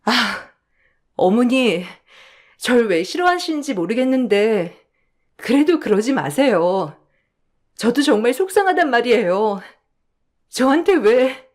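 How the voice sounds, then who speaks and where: A woman's voice: a little high, sing-song, measured pace, long pauses, darkish tone, voice pushed up. A woman playing an exasperated young wife in a radio drama, sounding plaintive and fed up. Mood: hurt. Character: exasperated young wife at her wits' end.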